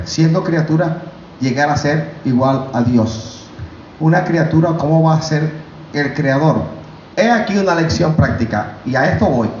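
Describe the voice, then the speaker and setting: A man preaching a sermon, fervent, his voice climbing high when he voices God. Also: roomy sound, highs cut off, slight background noise. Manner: preaching, rising to loud fervent pitch when voicing God. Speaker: pastor. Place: church.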